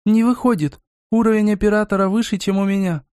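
A woman's voice: medium pitch, moderate pace, dark tone, dry recording, clean studio sound, voice pushed up, natural voice. A man voicing a brash, tough young woman hacker who talks bossy and blunt. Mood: tense.

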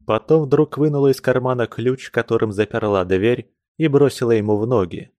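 A man narrating a classic novel in a steady, measured reading. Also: mid-range voice, no room sound. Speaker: reader.

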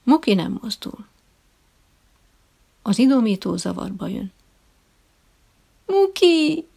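Woman audiobook narrator, wry storytelling, light fry, mid pitch. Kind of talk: scripted narration.

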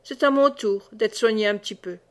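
Audiobook: a woman playing a gruff old monk, wounded but boastful. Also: on the high side, moderate pace, lightly acted. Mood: blustering.

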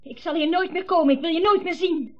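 A woman's voice: extremely high pitch, a little fast. An actress playing a bitter young woman who leaves her weak lover, speaking coldly and contemptuously in a 1970s radio play. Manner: cold, contemptuous. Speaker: girlfriend breaking up. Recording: dull 1970s radio broadcast, voice off-mic.

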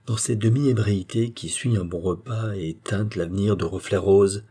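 Low, husky male storyteller. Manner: measured, expressive storytelling. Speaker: narrator. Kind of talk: dramatic reading of a short story.

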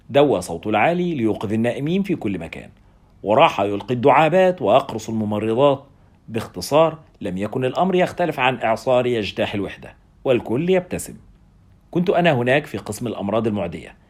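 Husky fast-talking male storyteller. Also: medium pitch. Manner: dramatic storytelling, first person. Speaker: narrator. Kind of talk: audiobook narration.

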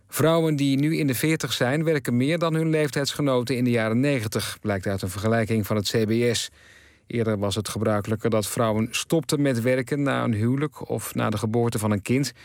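A man reading a radio news bulletin in an even, measured way, in a studio. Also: mid-range voice, no echo. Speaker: newsreader.

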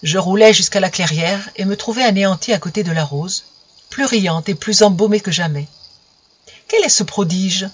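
A woman reading a fairy tale aloud in an expressive, dramatic storybook style, in a dull lo-fi recording. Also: medium pitch, fairly quick, breathy edge.

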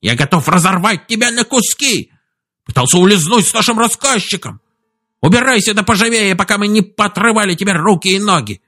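Brief: shrill furious old chief, high squeaky yelling, storybook read-aloud. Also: male voice, expressive, brisk, full character voice. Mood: threatening shrill. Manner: shrieking threats, shrill and angry.

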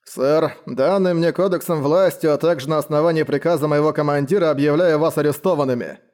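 Man voicing a measured, formal old centurion. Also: fairly high pitch, steady tone, a little mellow, natural voice. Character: older male soldier, formal centurion. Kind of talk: audiobook character voice.

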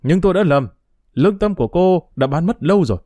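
A man's voice: high-pitched, lively intonation, fast talker, mellow, no room sound, pitched above the performer's own voice. A man reading a story aloud and voicing an angry, reproachful man who accuses a woman. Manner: harsh, reproachful.

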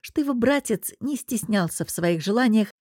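A woman reading a first-person story aloud in a wry, expressive narration. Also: a little high, normal speed, no room sound, clean studio sound. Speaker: audiobook narrator.

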